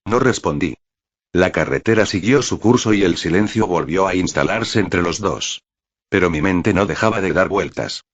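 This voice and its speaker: Male narrator, deep, steady dramatic storytelling, muffled lo-fi read. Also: normal speed, breathy edge. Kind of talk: first-person audiobook narration.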